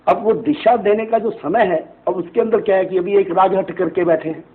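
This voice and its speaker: A man's voice: high voice, fairly even intonation, moderate pace. A man, an astrologer guest on a TV interview, explaining at length in a preachy way and often asking "right?" to seek agreement. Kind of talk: TV interview answers. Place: TV studio. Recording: tinny phone-like band, faint hiss.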